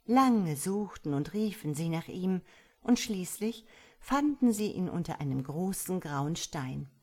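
Expressive woman reading a storybook. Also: on the low side. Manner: expressive, unhurried telling. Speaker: narrator.

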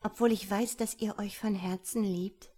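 A woman voicing a bold young princess who teases and mocks in a brisk, lively voice. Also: medium pitch, slightly rough, lightly acted. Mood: teasing. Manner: teasing, mocking.

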